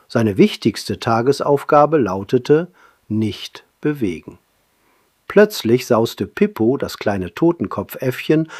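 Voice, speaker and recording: A man narrating a children's story in a slow, expressive way. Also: mid-range voice, breathy edge, dry recording, studio quality. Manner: slow, lively, expressive telling.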